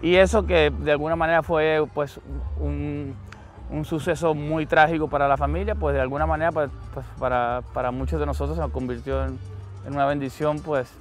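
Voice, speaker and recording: A middle-aged man from Argentina, an interview guest talking earnestly with many pauses and restarts. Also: a little high, fairly even intonation, soft background music. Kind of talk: conversational interview. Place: outdoors.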